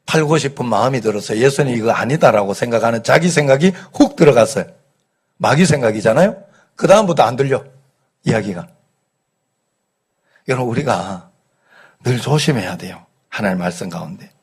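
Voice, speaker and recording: A middle-aged pastor with a light Gyeongsang accent, preaching a conversational Sunday sermon, telling folksy stories and asking the congregation rhetorical questions. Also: male voice, mid-range voice, animated, fairly quick, long pauses, breathy edge. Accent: light Gyeongsang dialect. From Gyeongsang region, South Korea.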